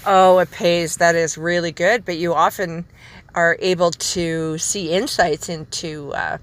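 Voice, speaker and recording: A woman's voice: lowish voice, steady tone, unhurried. A woman hosting a podcast in a conversational style, introducing and questioning a guest. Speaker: podcast host.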